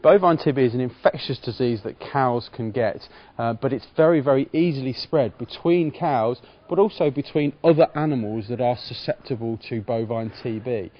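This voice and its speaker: A male vet answers interview questions in a measured, professional way. His explanations are careful and plainly put. The recording is a little dull and lo-fi. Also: mid-range voice. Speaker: farm veterinarian.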